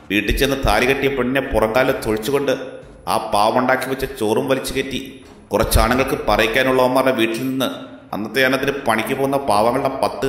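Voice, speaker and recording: A man's voice: lowish voice, fairly bright tone, lightly acted. A man voicing a cool, defiant young man who answers with sarcastic, cutting retorts, recorded in an echoey room. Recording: echoey room with long reverb.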